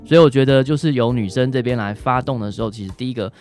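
A Taiwanese-accented male doctor, guesting on a casual advice Q&A, races along in a medium-pitched, slightly mellow voice. Music sits behind him as he tacks small particles onto his phrases and role-plays examples along the way.

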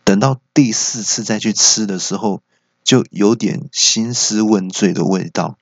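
A man's voice: lowish voice, measured pace, vocal fry, no room sound. A man hosting a podcast, telling jokes as an easygoing comic story. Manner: easygoing joke-telling narration. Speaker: podcast host.

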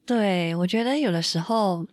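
A woman's voice: mid-range voice, normal speed, a little mellow, no echo, studio quality. A woman telling a personal story on a podcast, emotional and full of fillers and quoted dialogue. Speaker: podcast guest. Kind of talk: casual storytelling.

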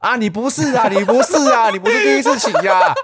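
A man voicing a chatty, nosy old man with a Taiwanese Mandarin accent, in a high, drawn-out, wheedling tone. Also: sing-song, a loud crowd. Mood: insistent.

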